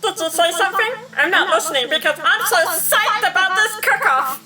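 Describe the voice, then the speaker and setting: A woman voicing a hyper, bubbly ghost party girl in a squeaky cartoon-creature voice while streaming a game. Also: lively intonation, a little fast, music in the background. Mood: giddy.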